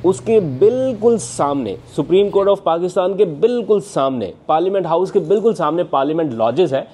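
This young man from Pakistan has a high, dark, slightly rough voice and speaks animatedly and fairly quickly. Recording a political news vlog in his living room on a lapel mic, he analyzes earnestly, says "uh" a lot and uses hand gestures.

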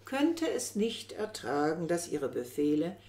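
A woman's voice: fairly low pitch, sing-song, measured pace, warm tone. A woman voicing an effusive, scheming old chambermaid who talks insistently, in a roomy recording. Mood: gushing. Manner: gushing, insistent. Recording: roomy echo.

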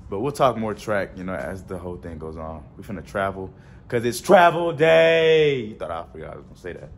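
Playful young man vlogging, noisy background. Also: low voice. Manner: playful, joking, slangy. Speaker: track athlete vlogger. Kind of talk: casual vlog talk.

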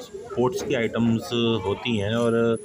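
A man's voice: medium pitch, level tone, a little slow, noisy background. A man casually vlogging while walking through a large sports store, talking to his subscribers. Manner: chatty, addresses subscribers directly. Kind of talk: casual walk-through vlog. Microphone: handheld phone camera.

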